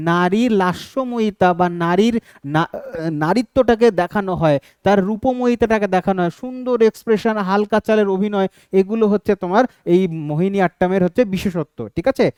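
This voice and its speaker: A man with a fairly high, clear voice gives an exam-prep lecture, walking through each point and pausing often to check that the students follow. The sound is close and dry, with almost no room echo. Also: a little mellow. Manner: explains step by step, keeps asking "ঠিক আছে?". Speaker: teacher.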